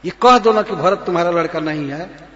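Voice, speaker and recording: A man voicing a furious, taunting queen who throws loud accusing questions at her husband. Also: sits high, a little fast. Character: furious taunting queen, proud king's daughter. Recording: long reverb, dull lo-fi sound.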